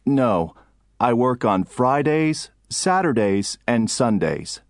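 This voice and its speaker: A man voicing an adult tour guide answering street interview questions in scripted textbook audio, with lively, clear delivery. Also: medium pitch, no room sound, clean studio sound, lightly acted. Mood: plain.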